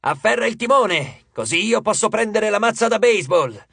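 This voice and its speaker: A man voicing a gruff, hot-tempered male satyr coach who barks orders in an audiobook. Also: sits high, lively intonation, normal speed, no echo, pitched above the performer's own voice, exaggerated voice. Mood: gruff shouting. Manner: barking, shouting orders.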